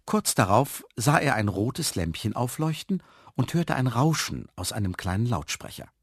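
A man reading a children's story aloud with expressive, lively storytelling. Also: mid-range voice, moderate pace, breathy edge, no echo, clean studio sound. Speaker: narrator.

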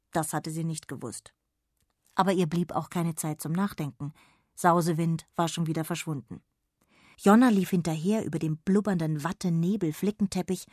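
A woman narrating a children's story in a gentle, measured way. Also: deep voice, no room sound, studio quality. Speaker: audiobook narrator.

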